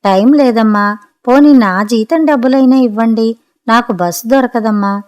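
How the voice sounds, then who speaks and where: A woman's voice: fairly high pitch, normal speed, darkish tone, natural voice. A woman doing a pleading housemaid. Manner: rustic colloquial speech, begging tone. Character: working-class maid, woman, pleading but firm.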